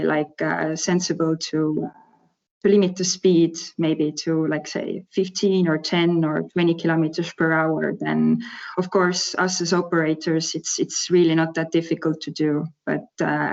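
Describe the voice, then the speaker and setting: The recording is dull and a little lo-fi. A woman speaks in a fairly low voice, presenting informally as a company representative. Her delivery is hesitant, broken by frequent pauses as she finds her way through the explanation. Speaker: company representative for a scooter rental operator. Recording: dull, lo-fi sound.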